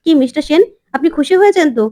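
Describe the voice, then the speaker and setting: A woman's voice: sits high, racing, mellow, voice pushed up, natural voice. A woman voicing a tipsy young husband who boasts and teases.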